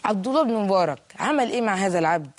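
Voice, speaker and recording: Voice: mid-range voice, animated, very fast. A speaker with an Egyptian accent giving a religious storytelling talk, retelling a moral tale and explaining each phrase. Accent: Egyptian Arabic.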